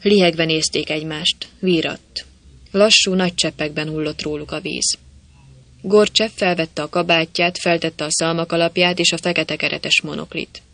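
A man reading a novel aloud as an audiobook narrator, telling it in a lively way. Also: fairly high pitch, gravelly, no echo. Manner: lively storytelling, voicing quoted characters. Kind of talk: scripted narration.

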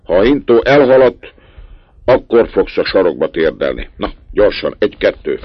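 A man's voice: sits low, sing-song, slightly rough, no room sound, pitched above the performer's own voice, heavily acted. A man voicing a stern, angry father who barks commands at his son. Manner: barking commands. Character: stern angry father, middle-aged man, quick to punish. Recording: dull dry lo-fi recording.

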